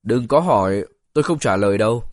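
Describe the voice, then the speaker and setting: A man voicing a proud older male puppet master in an audiobook, speaking in a lazy, haughty, deliberate way. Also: fairly low pitch, expressive, natural voice.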